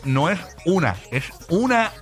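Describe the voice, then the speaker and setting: Puerto rican radio host dude, high and lively, music faint behind. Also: male voice, unhurried. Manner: excitable, greets callers loudly. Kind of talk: casual radio banter.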